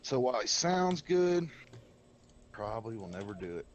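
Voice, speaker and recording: In a mid-range, sing-song voice at normal speed, a game server co-host chats on a casual gaming stream. He's blunt and rambling, cigarette in mouth, and his desk mic by the keyboard adds a little hiss or hum.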